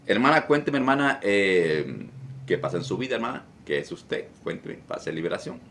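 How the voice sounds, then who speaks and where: A man interviewing a woman from his church, prompting her slowly and gently. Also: fairly low pitch, big pitch swings, creaky, slight background noise. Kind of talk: interviewing a congregant.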